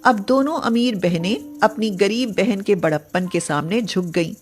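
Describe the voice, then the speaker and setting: A woman narrating a moral story in calm, steady scripted narration. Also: mid-range voice, a little slow, soft background music.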